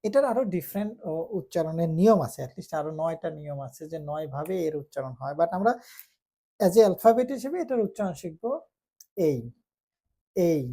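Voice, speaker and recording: A woman teaching English pronunciation in a casual lesson, repeating letter sounds slowly to demonstrate. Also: on the low side, animated, mellow. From Bangladesh.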